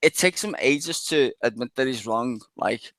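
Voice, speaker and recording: Brief: man, hangout host, bright forward tone, dry close sound, profane rambling chatter. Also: mid-range voice, unhurried, no room sound. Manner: rambling, crude and profane, laughs often. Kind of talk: casual online hangout chat.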